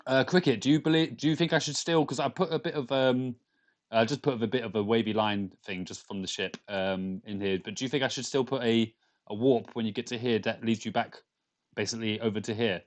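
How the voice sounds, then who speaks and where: A man's voice: medium pitch, fairly even intonation, a little fast. English guy, 30s, live-streaming dev, chatty and rambling, trips over his words. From London, England. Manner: rambling, stammering restarts, frequent laughs. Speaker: game developer streaming live. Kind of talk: casual live stream chat with viewers.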